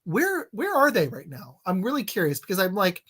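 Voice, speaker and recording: A man's voice: sits high, huge pitch swings, fairly quick, a bit bright, slightly rough. A man in his thirties hosting a casual sports podcast, rambling with lots of fillers and restarts. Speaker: podcast host.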